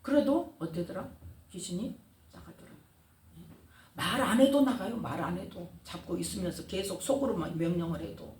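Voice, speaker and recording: A woman pastor with a lowish voice preaches a sermon at a moderate pace in a church sanctuary, animatedly drawing the congregation in with call-and-response questions and answers. The recording has a roomy echo, a distant mic, and faint room noise.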